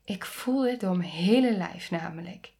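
A woman in her thirties hosting a podcast, speaking earnestly and intimately, often dropping into soft near-whispers and rising to emphatic pleas. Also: lowish voice, moderate pace. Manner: rises to emphatic, pleading tones. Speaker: podcast host. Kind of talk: reflective podcast monologue.

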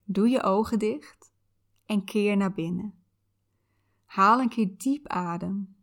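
A woman podcast host leading a guided visualisation in a soft, soothing, unhurried meditation voice. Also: mid-range voice, vocal fry. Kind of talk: guided visualisation, spoken coaching.

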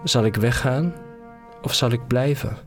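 A man voicing a calm, laconic and steady stranger in a storybook tale. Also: medium pitch, measured pace, faint music behind, close to an everyday voice.

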